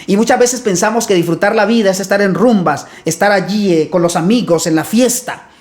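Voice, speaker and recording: A man's voice: high-pitched, fairly quick. A man preaching a fervent motivational sermon straight to the viewer.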